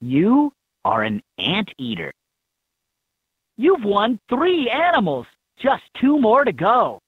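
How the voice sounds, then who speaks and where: In tinny, band-limited handheld game clips, a man voices a cheerful, instructive helper reading scripted directions for a kids' educational game. He speaks slowly in a high voice with a breathy edge, swinging his pitch hugely in a heavily acted delivery, with no echo.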